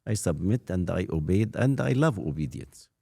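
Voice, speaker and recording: A man in his eighties with an Egyptian accent, a native Arabic speaker, telling his life story as a priest in an interview, halting and repeating words. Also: low-pitched, expressive, gravelly, warm tone, slightly rough. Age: 80s. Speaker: Coptic priest guest.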